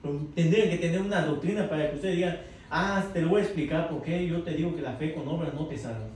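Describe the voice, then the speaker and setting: Brief: warm, slightly high male Bible teacher, conversational, heard from far off in a roomy hall with faint noise. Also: fast talker. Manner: asks the group questions, tags lines with "verdad?". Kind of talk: interactive Bible class.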